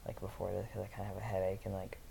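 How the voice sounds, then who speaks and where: Monotone young man, low creaky voice. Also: racing, slight background noise, poor audio. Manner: monotone delivery; rambling, self-interrupting commentary. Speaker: host reading fan fiction aloud. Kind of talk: story reading with casual asides.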